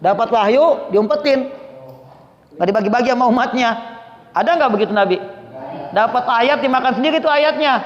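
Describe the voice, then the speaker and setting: A man's voice: very high-pitched, a little fast, pauses often. A man giving a religious lesson to young people, often asking the audience questions and waiting for their answers. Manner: questions the audience, call and response. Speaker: Islamic teacher. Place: prayer room gathering. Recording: echoey, dull lo-fi hall recording.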